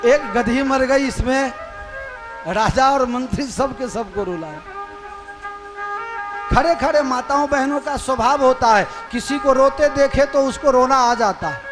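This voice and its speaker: A man telling a devotional story sermon, lively and teasing his audience. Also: very high voice, unhurried, music in the background. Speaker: storyteller preacher.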